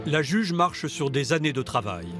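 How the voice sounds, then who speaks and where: Grave male documentary narrator, raised pitch. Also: lively intonation, normal speed. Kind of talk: scripted voice-over narration. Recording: music bed under the voice.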